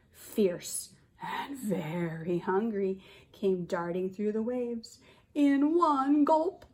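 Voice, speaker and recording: At home in her living room, a woman in her forties who teaches kindergarten reads a picture book to little kids, explaining things expressively as she goes, in a medium-pitched voice.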